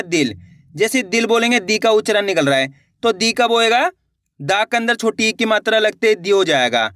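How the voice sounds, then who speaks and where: In an online Hindi reading lesson, a high-voiced man patiently sounds out every syllable at a slow pace, repeating words and asking the listener questions. His tone is bright and forceful. The recording is dry and close-miked, with no room sound.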